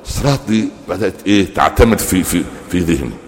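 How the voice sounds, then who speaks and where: An older man with an Egyptian Arabic accent giving a religious lecture, animated, questioning his audience and drawing out words. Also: low voice, big-room sound. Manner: animated, asks the audience questions and pauses for answers. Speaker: preacher.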